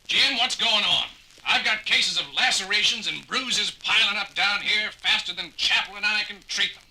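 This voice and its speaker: A man's voice: sits high, moderate pace, bright, forceful tone, full character voice, poor audio. A man playing a harried, blunt starship doctor under strain in a 1970s science fiction audio drama. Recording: 1970s drama record with music.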